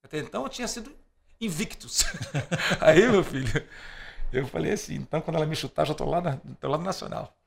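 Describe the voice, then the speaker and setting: With a fairly high pitch, a slightly fast delivery and some vocal fry, this Brazilian podcast guest spins lively stories. He performs the dialogue in various voices and laughs between lines.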